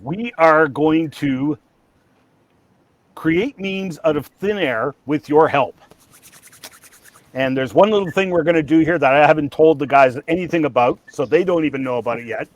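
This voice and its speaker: A man with a fairly high voice hosts a casual livestream from his home setup. He rambles a little, restarts his sentences and chuckles between thoughts. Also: normal speed, dry recording. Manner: rambling, restarts, frequent laughter. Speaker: livestream host.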